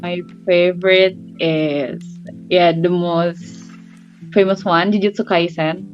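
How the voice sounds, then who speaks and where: A woman's voice: fairly low pitch, steady tone, slow, lo-fi sound, over music. A woman in her twenties from Indonesia, a student chatting casually with lots of fillers. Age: 20s. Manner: casual, many fillers like "yeah".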